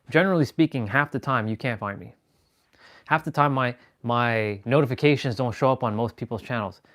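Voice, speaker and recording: Give me a man in a middle pitch, rambling confidently through a casual spiritual talk on his livestream. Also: fairly bright tone. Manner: rambling, self-assured, restarts mid-sentence. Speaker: live stream host.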